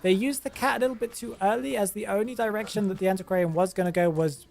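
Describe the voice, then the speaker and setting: Quick and gravelly, with a darkish tone at medium pitch, this channel host talks through gameplay as a casual commentator. The chatter is loose and thinking-aloud, often trailing off and then starting the sentence over.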